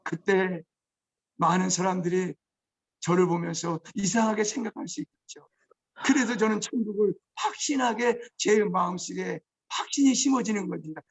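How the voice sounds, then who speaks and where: A male pastor preaching a testimony sermon, moving between hushed storytelling and shouted outbursts. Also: high-pitched, normal speed. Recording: dull lo-fi recording.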